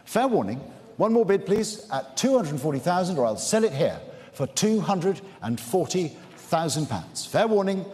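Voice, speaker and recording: A man's voice: high-pitched, big pitch swings, a little mellow. A man working as a fine art auctioneer, formally calling and repeating bids at a live sale. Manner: formal, measured repetition of bid figures. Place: large indoor auction room. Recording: echoey saleroom with long reverb, background noise.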